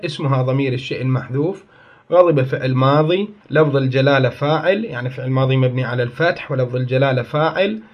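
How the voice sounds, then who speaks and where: A man teaching a grammar lesson. He explains step by step, asks questions and answers them himself, and tells his students to pay attention and write things down. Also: a little high.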